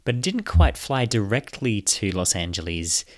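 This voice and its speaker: A man's voice: on the low side, sing-song, normal speed. A man hosting a show, delivering scripted narration. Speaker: podcast host.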